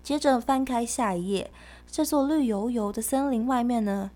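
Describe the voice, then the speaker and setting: A woman presenting and narrating a picture book in a gentle, expressive manner, as if reading to a toddler. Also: medium pitch. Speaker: host presenting picture books.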